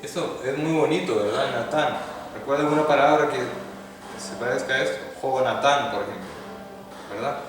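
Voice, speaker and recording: A man's voice: mid-range voice, normal speed, distant mic, music in the background. Man teaching Hebrew in an echoey hall. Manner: patient, explains step by step, asks students questions. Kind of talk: classroom lecture.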